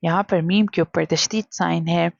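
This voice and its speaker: A woman teaching Quran reading in a recorded lesson, drawing out each syllable slowly and then explaining quickly in mixed Hindi and English. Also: fairly low pitch, fairly even intonation, creaky, no room sound, muffled recording. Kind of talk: recorded lesson, spelling out letters.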